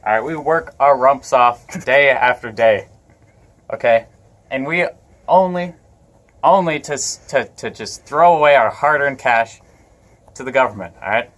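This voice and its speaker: A man's voice: medium pitch, animated, unhurried, a bit bright. A man playing a blustering older male politician who gives a rambling, preachy speech with folksy asides in a comedy sketch. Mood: indignant.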